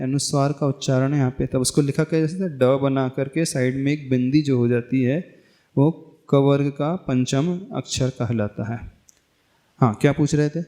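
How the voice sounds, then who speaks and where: A man's voice: medium pitch, mellow. A man, a monk, teaching the pronunciation and meaning of a Sanskrit hymn, asking his listeners questions as he explains. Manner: slow chanting of Sanskrit verses, then patient explaining. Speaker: Jain monk teaching scripture. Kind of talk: devotional scripture lesson.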